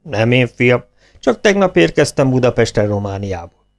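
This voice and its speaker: A man voicing a hearty old English ship captain who calls out loudly and stammers over hard names. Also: medium pitch, sing-song, creaky.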